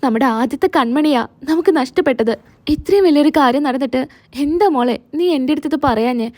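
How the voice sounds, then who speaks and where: A woman's voice: sits high, fairly quick, darkish tone, no room sound, lightly acted. A woman voicing a caring middle-aged mother-in-law who speaks tenderly. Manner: tender, consoling.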